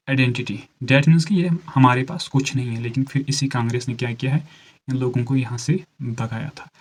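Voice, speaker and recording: A man teaching an exam-prep lesson, speaking slowly and repeating key answers so students can take notes, and quizzing them as he goes. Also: medium pitch, darkish tone, poor audio. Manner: slow and deliberate, repeats key answers for note-taking. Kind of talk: exam-prep lecture mixing Hindi and English.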